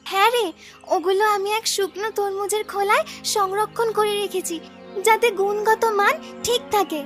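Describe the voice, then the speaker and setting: A woman voicing a calm, sensible young sister in a cartoon, speaking softly and steadily. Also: very high voice, normal speed, soft background music. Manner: soft, steady, hushed.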